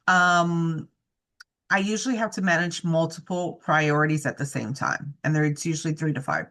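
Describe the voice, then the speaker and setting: A woman's voice: low-pitched, steady tone, normal speed, fairly bright tone. A woman who cares for her parents, speaking candidly and practically in a casual heartfelt conversation. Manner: candid, thoughtful, practical, with some "um"s. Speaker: family caregiver for her parents.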